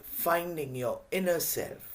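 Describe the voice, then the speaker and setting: A man voicing a bright, cheerful wise guide who asks patient, probing questions. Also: fairly high pitch, takes it slowly, voice pushed up. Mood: curious, teaching.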